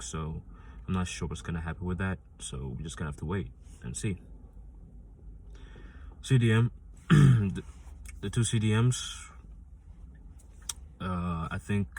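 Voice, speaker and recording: A man with a low, darkish voice hosts a casual football fan vlog making predictions. He rambles and insists, repeating his points with many restarts and fillers. There's a little hiss or hum in the recording.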